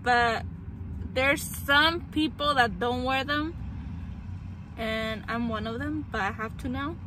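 High-voiced woman vlogging through a face mask. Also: slow, background noise. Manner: chatty, mixes in Spanish phrases. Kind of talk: casual vlog chat to viewers. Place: big store and its parking lot.

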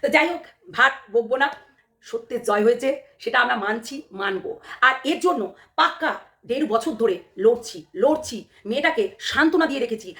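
A hoarse woman, worn down by a cold, talking straight to her viewers. Her voice sits a little high and she rushes her words out quickly. She pushes every point hard, repeating phrases and throwing questions back at the audience. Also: a bit bright. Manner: heated and emphatic, repeats phrases, fires rhetorical questions. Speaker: vlogger. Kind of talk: casual direct-to-camera commentary.

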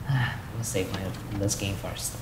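Male streamer, slow exclamatory commentary, roomy home room. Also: fairly low pitch, heavy background noise. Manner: exclamatory, rambling. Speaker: gaming streamer. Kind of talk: casual live-stream commentary.

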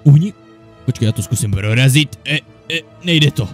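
A man's voice: medium pitch, lively intonation, soft background music. A man playing through a comedic game parody, chattering nervously and swearing often as he plays two bickering friends. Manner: jittery, panicky banter with frequent mild swearing; switches between two bickering sidekick characters. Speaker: gaming YouTuber. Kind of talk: comedic Minecraft let's play.

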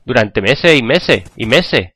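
A man with a Spain Spanish accent, hoarse from a cold, chatting and joking with viewers while playing a game. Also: medium pitch, animated, slow, a bit bright, no echo. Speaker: gaming channel host. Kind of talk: gameplay commentary.

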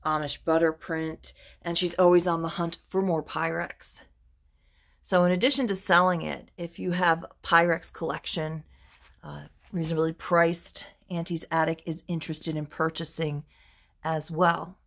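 Lady, low gravelly voice, chatty antique shop walkthrough on her phone, gets soft then loud. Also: little pitch movement, a little slow. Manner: chatty, admiring, drifts softer and louder as she pans. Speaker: antique shop owner giving a tour. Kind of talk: casual walkthrough narration. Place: indoors in a crowded antique shop.

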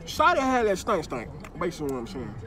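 A man's voice: high-pitched, huge pitch swings, fast, a crowd in the background. A young man tells a rambling slang story while chewing food inside a car, recorded on a phone. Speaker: vlogger. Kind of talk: casual storytime while eating. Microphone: phone held in the car. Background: street and traffic noise.

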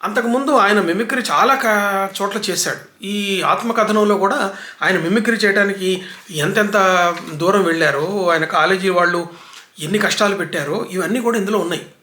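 A man in his sixties speaks with a high, bright voice. He lectures at an easy pace and lines up example after example. The sound bounces around an echoey room. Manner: unhurried, lecturing, piles up examples. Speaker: literary commentator. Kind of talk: reflective book talk.

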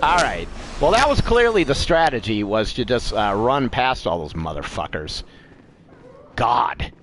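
A man's voice: medium pitch, very animated, unhurried, a bit bright. A middle-aged man giving casual gameplay commentary as a live streamer, in a grumbling, exasperated, sweary way. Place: room at home. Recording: clearly noisy home stream recording.

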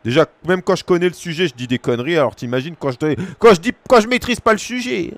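A man in his thirties from France chats through a live gaming stream, his voice pitched high and bouncing up and down. He talks in slangy, joking asides to his viewers. The sound is close and dry, with no room around it. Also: lively intonation, fast talker, no room sound. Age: 30s. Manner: slangy, joking banter with chat. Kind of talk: casual gaming stream chat.

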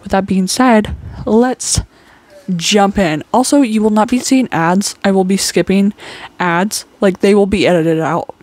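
A woman's voice: mid-range voice, a little slow, a little mellow, dry recording. A woman with a speech impediment that turns her R's into W's, chatting casually and goofily as a reaction host. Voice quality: speech impediment, cannot pronounce R's, says w for r. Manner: goofy, informal. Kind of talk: casual chat, reacting to true crime video.

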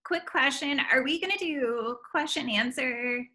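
A woman with a high, bright voice moderates an online event over a webcam, upbeat and polite as she organises the questions. Her tone is crisp and forward. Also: a little slow. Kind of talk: moderating a video call event. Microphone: webcam on video call.

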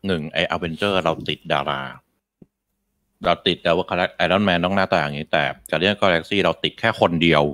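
A man's voice: low voice, normal speed, no echo. A man co-hosting a casual gaming chat, bantering and arguing playfully. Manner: lively, banters and argues playfully.

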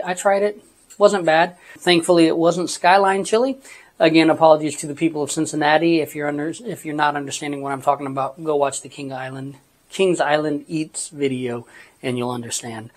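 A vlogger from Texas giving a casual food review as a voice-over, relaxed and slipping in wry asides. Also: medium pitch. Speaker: theme park food reviewer.

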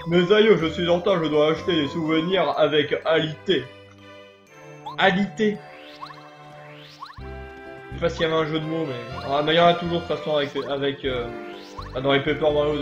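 A chatty man streaming a video game, rambling and greeting viewers as he plays. His voice sits fairly high, and it comes across echoey and a bit lo-fi, as if recorded in an untreated room. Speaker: let's play streamer. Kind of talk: casual live game commentary.

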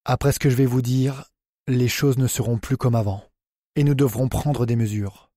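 A man voicing a grave, secretive man slowly confessing the truth. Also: mid-range voice, steady tone, dry recording, clean studio sound, lightly acted. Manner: grave, deliberate, hushed.

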